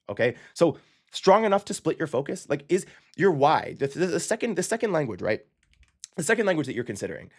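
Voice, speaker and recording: Quick-paced and mid-pitched, this man leads a laid-back language lesson for his channel, speaking straight to camera. He's chatty, checks in often with "okay?", and fixes his own sentences as he goes.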